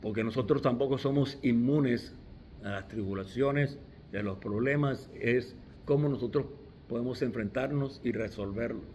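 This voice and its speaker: A man's voice: medium pitch, normal speed, a little mellow, a little hiss or hum. A middle-aged man preaching a sermon, stressing key words with restarts along the way.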